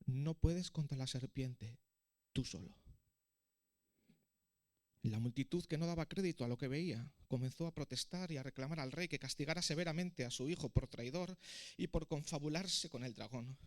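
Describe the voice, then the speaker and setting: A man's voice: fairly high pitch, brisk. A man, a preacher narrating a parable dramatically in a sermon. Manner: dramatic, expressive storytelling.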